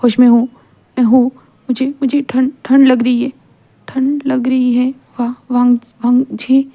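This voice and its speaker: A woman voicing a clingy, half-dazed young man who is shivering from the cold, speaking softly and haltingly and repeating his words. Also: sits high, level tone. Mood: pleading.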